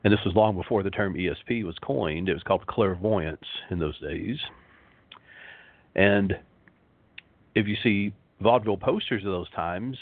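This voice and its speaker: Male host, low soothing hypnotist voice, slow and resonant, rambling monologue over a thin phone-like line. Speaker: show host. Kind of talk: rambling talk show monologue. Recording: phone-like internet radio line, roomy echo.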